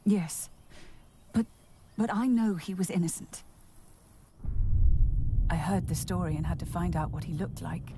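An actress playing a mother who tells her son a sad story in a slow, hushed manner, often sinking to a whisper. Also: fairly low pitch, noisy background. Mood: mournful.

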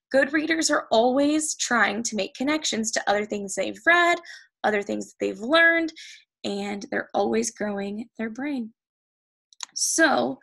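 American lady teacher reading to kids, kinda high, gravelly fry, excited and slow when reading. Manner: enthusiastic, reads text aloud slowly then explains. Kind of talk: recorded reading lesson for children.

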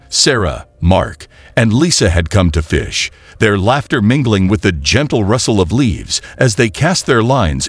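A man narrating a scripted horror story in a dramatic, suspenseful way, with a husky voice. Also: mid-range voice, dry recording.

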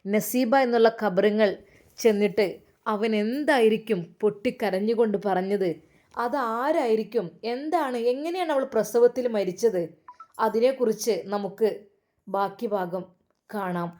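A woman narrates a religious story in a fairly high voice. She speaks earnestly and chats warmly to her listeners between scenes. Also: unhurried. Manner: earnest, chatty appeals to listeners.

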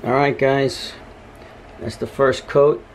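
A man's voice: mid-range voice, level tone, slow pace. A middle-aged man hosting a casual DIY vlog, chatting easily and joking as he works on a staircase in his home.

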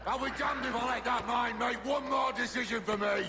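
An actor playing a hot-headed, half-mad marooned pirate in a video game, shouting threats and curses in a gravelly voice. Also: male voice, very high voice, fairly even intonation, brisk, very noisy. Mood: enraged, threatening. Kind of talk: dramatic video game acting.

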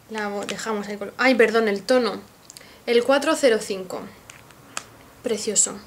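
Woman beauty vlogger, Spain Spanish accent, slightly high voice, excitable and gushing, casual haul to camera, faint background hiss. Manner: gushing, excitable, addresses viewers directly. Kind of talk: casual makeup haul video.

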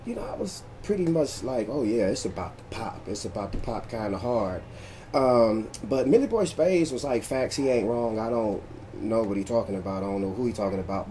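A man's voice: mid-range voice, mellow, a little hiss or hum. A man hosting a casual commentary vlog, joking loosely and reading posts aloud. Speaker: vlog host recapping battle rap drama.

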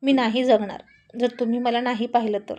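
A woman's voice: a little high, steady tone, a little fast, warm tone, slight background noise, close to an everyday voice. A woman voicing a playful, affectionate young wife in a told love story. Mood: pleading. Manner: cheeky, coaxing.

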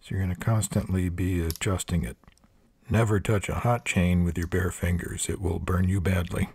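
Low gravelly man reviewing a tool. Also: steady tone, normal speed, darkish tone. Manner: plain-spoken, practical, dry asides. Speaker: product reviewer. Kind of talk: hands-on product review narration. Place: workshop table.

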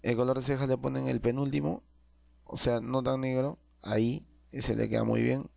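Gravelly-voiced man explaining a game edit. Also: mid-range voice, flat delivery, moderate pace, a little mellow, no room sound. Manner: explains step by step, frequent filler sounds and tag questions. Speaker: video game tutorial creator. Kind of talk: casual screen-recorded game tutorial voice-over.

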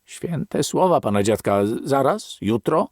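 An eager, curious young man, as a male audiobook reader puts him on, raised in pitch and quick to exclaim. His voice is a little husky and lively in melody, and the recording is dry. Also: no echo. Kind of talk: audiobook character reading.

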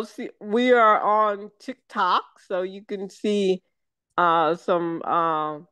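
An older woman from the American South, a guest chatting over a video call, talking slowly and wandering with many fillers and restarts. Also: fairly low pitch, fairly bright tone, smooth, no echo. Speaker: guest, syrup maker.

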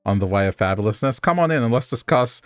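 A man voicing a vain, flamboyant character who adores flattery, in a raised, theatrical reading. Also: medium pitch, fast, clear, resonant tone, no room sound, clean studio sound, natural voice. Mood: smug.

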